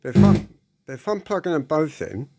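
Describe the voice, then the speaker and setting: Over loud background music, a man with a fairly high, very animated voice casually shows off an audio equipment fault at a moderate pace. He explains each step, restates his points and checks in with quick tag questions.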